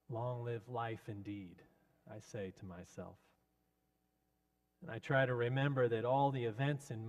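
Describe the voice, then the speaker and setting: A man preaching a reflective homily in a measured, solemn pulpit manner with rhetorical repetition. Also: medium pitch, a little mellow.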